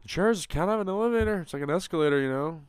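A man's voice: fairly high pitch, lively intonation, very fast, clean tone, dry recording. A young man co-hosting a podcast, talking in a laid-back, crude, mumbling way with lots of swearing. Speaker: podcast co-host. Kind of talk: casual chat.

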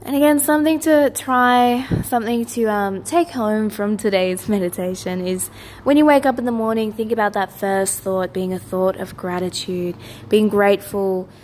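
A woman leading a guided meditation as its teacher, in a gentle, soothing, lulling manner with repeated soft instructions. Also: mid-range voice, moderate pace, slight background noise.

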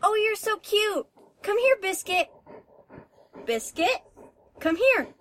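Excitable teen daughter, played by a woman. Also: sits high, moderate pace, a little hiss or hum. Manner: eager and excitable. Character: eager, excitable teenage daughter.

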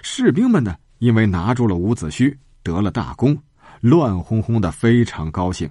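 A man narrating a children's storytelling podcast in an animated way, with close, dry sound. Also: moderate pace, no room sound. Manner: animated, sweeping pitch.

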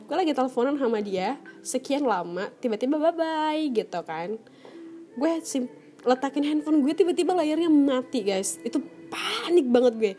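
A woman's voice: sits high, lively intonation, moderate pace, dark tone, faint music behind. A young woman from Indonesia, hosting a podcast and telling a personal story in casual talk, speaking chattily and laughing often while addressing her listeners. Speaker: podcast host.

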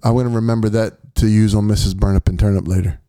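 A man's voice: fairly low pitch, little pitch movement, quick pace, warm tone. A man hosting a casual chat with his young son, playful and teasing, given to hammy outbursts. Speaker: podcast host, father.

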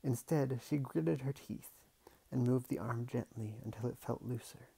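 A man with a deep, gravelly voice reads a novel aloud, steady and unhurried. His tone is husky and low, with casual asides muttered to himself now and then. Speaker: audiobook reader.

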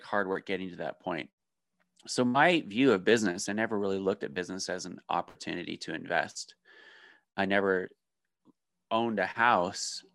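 A man's voice: low voice, fairly bright tone, no room sound. A man, a business owner, telling his story candidly in an interview, with joking asides. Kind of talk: casual interview.

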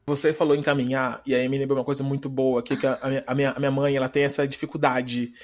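A man's voice: medium pitch, level tone, quick pace. A young Brazilian man co-hosting a podcast, telling a funny story in slangy casual chat and often breaking into laughs. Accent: Brazilian Portuguese. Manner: laughing storyteller, slangy, quotes his mother. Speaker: podcast co-host.

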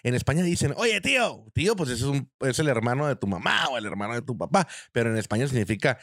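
A man's voice: medium pitch, expressive, fast, dry recording, clean studio sound. A man with a Mexican Spanish accent in a casual debate with a friend, slangy and swearing, arguing heatedly.

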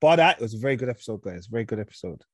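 A man's voice: medium pitch, expressive, rapid-fire, slightly rough, dry recording, studio quality. A man with an urban London roadman accent, hosting a podcast in casual, slangy chat. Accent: London, urban street. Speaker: podcast host.

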